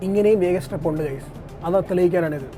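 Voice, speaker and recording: A man's voice: sits high, fast talker, over music. A man with a Malayalam accent vlogging casually to his viewers, mixing English words into his Malayalam as he narrates his trip. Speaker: travel vlogger. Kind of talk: casual vlog commentary to viewers. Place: on a city bus and busy streets outdoors.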